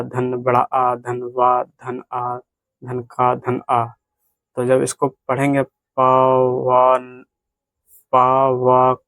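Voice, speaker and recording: A man teaching a grammar lesson, explaining slowly step by step and repeating himself. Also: medium pitch, no echo. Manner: repetitive, slow step-by-step explaining.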